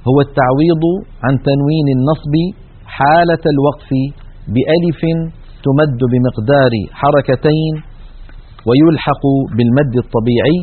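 A man teaching the rules of Quran recitation in a recorded lesson, explaining slowly and drawing out example words. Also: mid-range voice, fairly even intonation, husky. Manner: slow explanatory delivery, stretches example words. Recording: tinny narrow-band recording.

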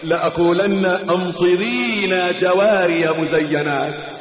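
High-voiced Egyptian preacher in an echoey mosque. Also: male voice, measured pace. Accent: Egyptian Arabic. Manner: dramatic storytelling, acting out quotes in colloquial asides. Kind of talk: mosque sermon. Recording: echoey dull hall recording.

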